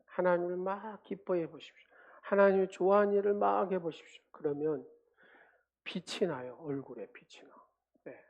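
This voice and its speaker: A man's voice: high-pitched, moderate pace, gravelly, dull audio. A man preaching a sermon in a church. He speaks emphatically and leads the congregation in call-and-response. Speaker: pastor. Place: church sanctuary.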